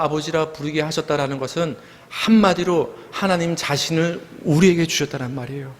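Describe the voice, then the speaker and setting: A middle-aged man preaching a sermon as pastor of a church, leading the congregation to call out together. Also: fairly high pitch. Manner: earnest preaching, leads the congregation in calling out together. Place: church sanctuary. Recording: long church hall reverb.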